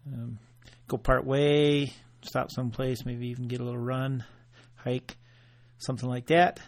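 A man hosting his own podcast alone, chatting in a loose, offhand way and thinking aloud with pauses. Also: mid-range voice, fairly even intonation. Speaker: podcast host. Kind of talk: casual solo podcast monologue.

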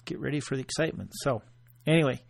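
A man hosting his own podcast alone, chatting in a loose, offhand way and thinking aloud with pauses. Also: mid-range voice, vocal fry. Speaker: podcast host. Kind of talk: casual solo podcast monologue.

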